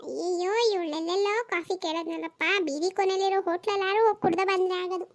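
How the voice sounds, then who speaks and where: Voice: very high-pitched, fairly even intonation, fast talker. A performer voicing a grumpy, short-tempered cartoon husband and father who scolds and grumbles. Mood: grumbling scolding. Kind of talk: cartoon comedy voice acting.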